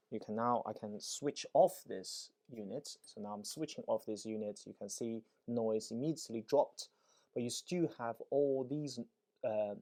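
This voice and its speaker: Warm and mid-range, the man's voice carries an informal explanation of a technical demonstration. He's an EMC engineer acting as presenter, leaning on repeated words for emphasis and frequent "right?" and "okay?" checks.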